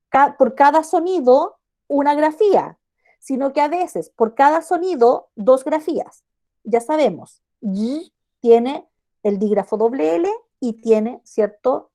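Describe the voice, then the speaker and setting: A woman lectures a class, patient and explanatory, checking in with her listeners through frequent tag questions. Her voice sits high and has a warm, mellow tone. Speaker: university lecturer teaching early literacy.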